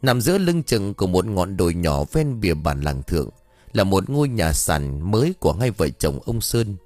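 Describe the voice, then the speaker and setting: A man narrating an audio story in an expressive storytelling manner. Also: sits low, moderate pace, no echo. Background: faint background music.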